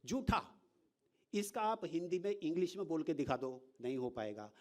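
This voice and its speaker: Speaking at a moderate pace with a fairly high pitch, a male professor delivers a casual, lively lecture. He sprinkles in English words and regularly checks in with rhetorical questions.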